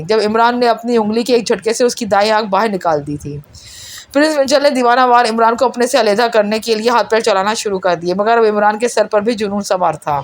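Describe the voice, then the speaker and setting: Woman narrating a spy audiobook. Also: on the high side. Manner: steady dramatic storytelling.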